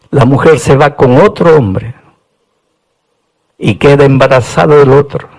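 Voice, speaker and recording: A man preaching a sermon, telling a story with feeling, his voice climbing high at the peaks. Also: low-quality recording.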